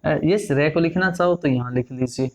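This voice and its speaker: A man, teaching English pronunciation, repeating example words slowly. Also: on the high side. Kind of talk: classroom lesson.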